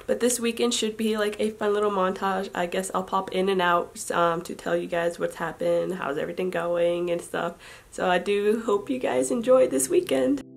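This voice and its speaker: A woman's voice: mid-range voice, steady tone, moderate pace, creaky. A young woman vlogging casually from her dorm room, chatty and self-deprecating, laughing often, filmed on a phone at arm's length. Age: young adult. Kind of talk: casual vlog chat. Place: small dorm room indoors. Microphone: phone camera at arm's length.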